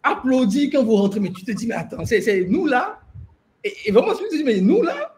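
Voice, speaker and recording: A man's voice: very high voice, big pitch swings, a little fast, darkish tone, a little hiss or hum. A man talking animatedly in a group discussion, telling stories with many restarts. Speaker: host. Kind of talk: enthusiastic discussion.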